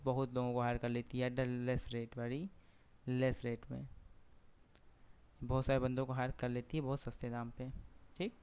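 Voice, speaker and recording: A man's voice: mid-range voice, darkish tone, clean tone. A young Indian man giving a classroom lecture, talking conversationally, correcting himself and asking rhetorical questions. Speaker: teacher. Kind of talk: classroom lecture mixing Hindi and English.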